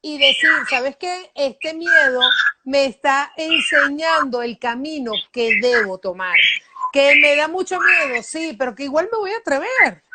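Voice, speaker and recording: A woman's voice: high-pitched, expressive, measured pace. A woman hosting a motivational talk, speaking in an emphatic coaching tone. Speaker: host. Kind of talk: motivational talk show chat. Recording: loud background noise.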